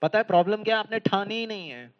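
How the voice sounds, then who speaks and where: A high-voiced man delivers a motivational lecture, full of humorous stories and quick questions to his listeners. He sounds lively and talkative. The recording is slightly dull and lo-fi. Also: smooth. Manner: lively, humorous storytelling, asks the audience questions. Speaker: spiritual lecturer. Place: lecture hall.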